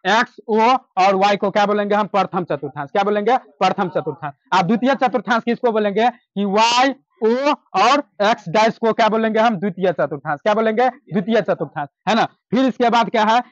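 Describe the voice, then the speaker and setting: A man's voice: sits high, brisk, hardly any pauses, no echo, muffled recording. A man teaching math, asking his class a question and answering it himself, repeating each key term. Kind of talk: classroom lecture with call-and-response questions.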